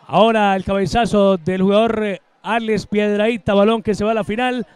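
In a smooth, high-sitting voice with no echo, a man announces a live match play by play. His goal commentary is breathless and fast, full of drawn-out yells.

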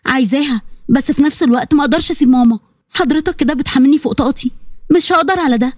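A woman's voice: high-pitched, rapid-fire, no room sound, clean studio sound, natural voice. A woman voicing a poor young university student with an Egyptian accent, polite, hurt and pleading.

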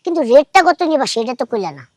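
A woman's voice: high-pitched, big pitch swings, no room sound, clean studio sound. A woman acting a brash young man who wheedles and presses impatiently, in a comedy play. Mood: pushy. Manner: wheedling, impatient, drawn-out "aha".

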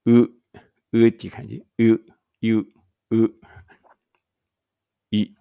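A man reading a language lesson aloud slowly and carefully, with muttered asides to himself. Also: fairly low pitch, completely flat delivery, gravelly, mellow, highs cut off.

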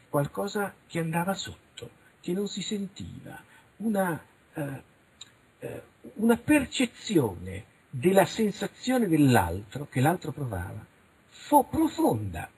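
A man's voice: fairly high pitch, darkish tone, slight background noise, rough recording. A middle-aged man from Italy, talking frankly and animatedly in a radio interview, now and then acting out little dialogues. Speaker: interviewed researcher. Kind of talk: radio interview, casual monologue.

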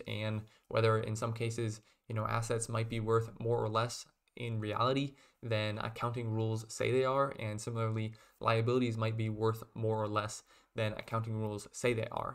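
A young man in his twenties casually explaining investing lessons to his webcam from a small room, with steady delivery and frequent fillers like "um" and "kind of". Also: on the low side, vocal fry. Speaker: investing video host.

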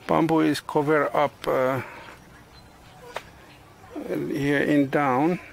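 A middle-aged man, not a native English speaker, vlogging outdoors on a tropical farm. His English is halting, with many pauses and uh's, and the camera is held at arm's length. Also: a little high, little pitch movement, vocal fry, slight background noise. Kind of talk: casual vlog narration. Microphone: handheld camera selfie and tripod camera.

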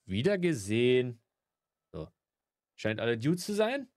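A man's voice: mid-range voice, very animated, unhurried, a little mellow, dry recording. A man giving casual gameplay commentary, grumbling and swearing, with mock-polite greetings to customers. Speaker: gaming let's player.

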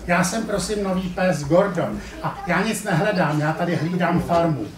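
A man's voice: sits high, lightly acted. A man voicing a shy, sad young puppy in a live puppet show. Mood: timid. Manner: shy, eager, hesitant. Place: family centre playroom, live puppet show. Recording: echoey room from far off, audience.

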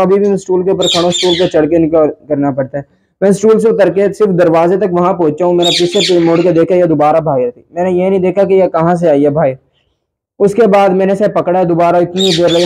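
A man's voice: high-pitched, warm tone. A man from Pakistan, vlogging casually about his birds in an indoor aviary and complaining in frustration. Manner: exasperated, complaining chatter. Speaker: bird keeper vlogger. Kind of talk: casual vlog narration. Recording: noisy aviary with bird squawks. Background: birds chirping and squawking.

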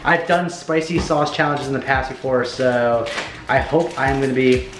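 A man's voice: mid-range voice, normal speed, noisy background. A young American man chatting casually to camera as host of a challenge video, slangy and prone to swearing. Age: young adult. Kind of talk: casual vlog chat to camera. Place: home kitchen, indoors. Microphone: camera mic a few feet away. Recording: echoey kitchen, faint music behind.

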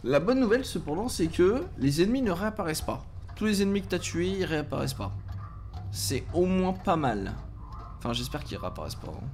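A man streaming live as he plays a game, reacting out loud, often swearing and groaning in frustration. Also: high-pitched, big pitch swings, a little fast, slight background noise.

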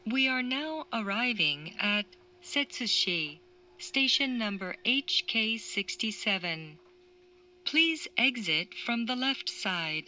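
Very slow, piercingly bright female announcer. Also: fairly high pitch, lively intonation. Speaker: automated train announcer. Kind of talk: scripted English station announcements.

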